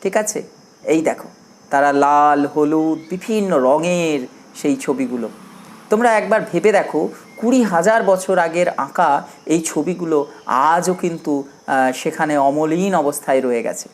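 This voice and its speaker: A woman's voice: low voice, a little slow. A woman teaching an English lesson to young children, spelling out words letter by letter. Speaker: primary school teacher.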